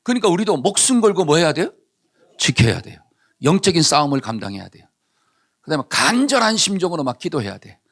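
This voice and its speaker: A man's voice: fairly high pitch, very animated, fast, fairly bright tone. A male pastor preaching a sermon, telling a story and asking the congregation questions that he answers himself.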